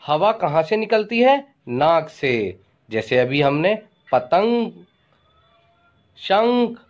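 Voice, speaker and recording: A man's voice: a little high, fairly bright tone. A male school teacher giving a recorded lesson to young pupils. He speaks patiently, often addresses the children directly, and draws out each example word for them to repeat. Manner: patient, slowly drawn-out pronunciation of example words.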